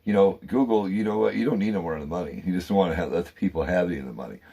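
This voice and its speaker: Low husky-voiced man ranting fervently. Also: very fast, dark tone. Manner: fervent, repetitive, addresses viewers as guys and man. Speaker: channel host. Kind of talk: rambling conspiracy monologue.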